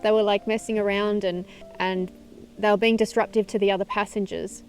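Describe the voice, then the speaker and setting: A woman's voice: mid-range voice, flat delivery, fairly quick, faint music behind. A woman hosting a self-help video, speaking to camera in an earnest, encouraging and conversational way. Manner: earnest, encouraging, conversational, with frequent soft laughs. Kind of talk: direct-to-camera motivational talk.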